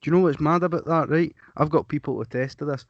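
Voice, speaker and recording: A man's voice: on the high side, quick pace, dry recording. A man co-hosting a casual sports podcast, blunt and sweary, often talking over his co-host. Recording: dry, dull lo-fi sound.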